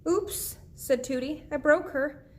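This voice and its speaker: Excitable gushing neighbor lady, very high and loud, read by a woman. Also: slow pace. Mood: excited.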